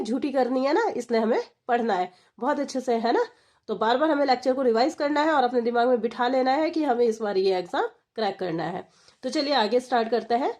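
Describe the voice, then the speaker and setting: A woman's voice: fairly high pitch, a little mellow. A woman giving an exam-preparation lecture, explaining step by step and asking and answering her own questions for her students. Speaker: exam-prep teacher.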